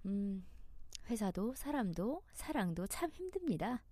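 A woman's voice: mid-range voice, sing-song, a little slow, mellow, no room sound. A woman reporter co-hosting a dating podcast, chatting in a playful, teasing way. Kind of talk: casual chat.

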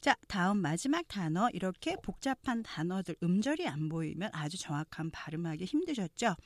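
A Korean woman teaching English pronunciation, explaining phrases and modelling them slowly. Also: lowish voice, big pitch swings, dry recording. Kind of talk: language lesson narration.

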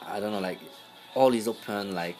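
As a podcast guest in casual conversation, a young man from France speaks English as a second language with a French accent, hesitating as he searches for words. He sounds on the low side and a little mellow at a moderate pace, with faint music behind.

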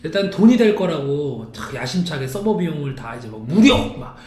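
A man co-hosting a casual podcast, trading playful jokes and quick exclamations with his co-host. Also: fairly high pitch, sing-song, mellow, a little hiss or hum. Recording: roomy echo.

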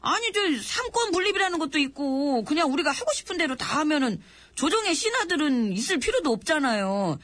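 A woman voicing a meek court servant who soothes her ill-tempered ruler, deferential but slyly teasing. Her voice is high and lively. The sound is dry and close. It is a satirical comedy sketch. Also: fairly quick, no echo. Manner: deferential, placating, gently teasing. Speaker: podcast comedy co-host.

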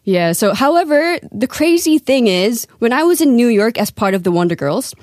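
Lively young woman hosting a chat. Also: fairly high pitch, normal speed, no echo, studio quality. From Korea. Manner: lively, laughs often. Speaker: podcast host. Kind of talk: casual chat.

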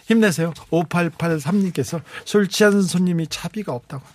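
A man hosting a late-night radio show, chatting and reading listener messages with warm, teasing asides. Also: sits high, moderate pace, dry recording. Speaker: radio DJ host. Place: radio studio. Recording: music playing faintly behind.

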